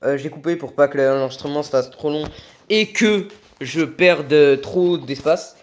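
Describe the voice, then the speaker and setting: A man doing casual gameplay commentary as an excitable, raging gamer who swears. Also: on the high side, a little slow. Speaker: gaming video creator.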